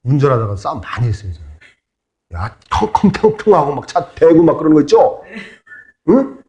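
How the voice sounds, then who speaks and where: A man's voice: on the high side, very animated, a little fast, mellow. A middle-aged man preaching as a pastor, in a conversational sermon with humorous asides. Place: church sanctuary. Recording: echoey church hall.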